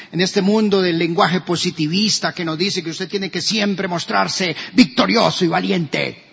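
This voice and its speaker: A man's voice: high-pitched, gravelly, fairly bright tone, slightly rough. A man preaching a sermon as pastor, asking his congregation questions. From Colombia. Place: church hall. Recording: dull, echoey church recording.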